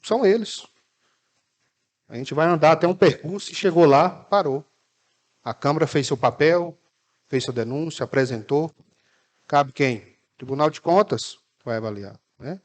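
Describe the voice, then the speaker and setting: Halting Brazilian councilman from Minas Gerais. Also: a little high. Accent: Brazilian Portuguese, Minas Gerais. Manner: halting, many restarts and fillers, measured. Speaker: city councilman questioning officials. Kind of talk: formal council session speech. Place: municipal council chamber.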